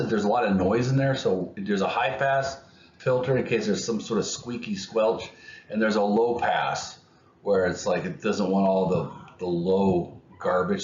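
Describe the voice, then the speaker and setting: A man explaining electronics concepts in an unscripted lesson, speaking haltingly with many restarts and fillers. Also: on the low side. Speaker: electronics educator. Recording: muffled, roomy, faint noise.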